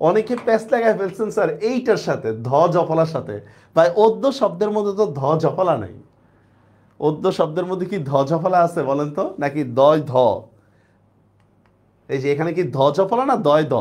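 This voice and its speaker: A man's voice: high voice, a little mellow. A man teaching an online class, repeating points and checking that students follow.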